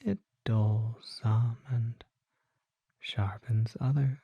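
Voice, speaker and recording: In this ASMR roleplay, a performer plays a polite, inquisitive vampire apothecary, speaking softly and often in a whisper, with a refined, unhurried, musing delivery. The mid-range voice holds a steady tone, moves extremely slowly, and has a slight roughness. The recording is dry and the performance is exaggerated.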